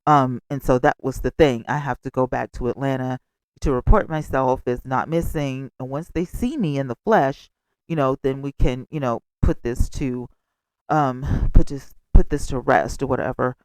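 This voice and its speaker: A man hosting a gossip vlog with casual, expressive commentary and chatty asides, speaking close to the microphone. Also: mid-range voice, moderate pace, clean tone, dry recording, rough recording. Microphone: close microphone without a cover.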